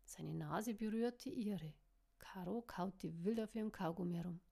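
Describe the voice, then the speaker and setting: Brief: woman narrating her novel, plain and unhurried, mid pitch. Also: vocal fry, warm tone. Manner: plain narration with small slips. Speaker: author reading her novel. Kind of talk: reading a novel aloud.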